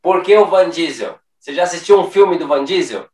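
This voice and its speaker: A man hosting a casual conversation, telling stories with animated enthusiasm. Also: a little high, a little fast. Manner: animated storyteller. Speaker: podcast host. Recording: roomy sound from a distant mic.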